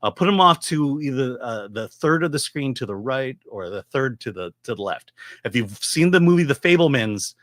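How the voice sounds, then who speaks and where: Halting middle-aged man, dry close sound. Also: mid-range voice, expressive, fairly bright tone, no echo. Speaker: film reviewer. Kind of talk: casual movie commentary.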